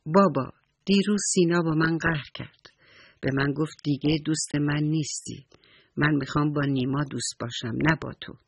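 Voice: medium pitch, creaky, breathy edge. A storyteller voicing a cheerful little preschool boy who chats eagerly. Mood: hurt.

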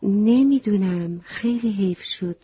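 A woman as little sparrow, storybook bird, gentle, hesitant, warm airy voice, dull lo-fi sound. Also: mid-range voice, husky. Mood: worried. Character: little sparrow, young and polite, hopes to build a nest. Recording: slightly muffled lo-fi recording.

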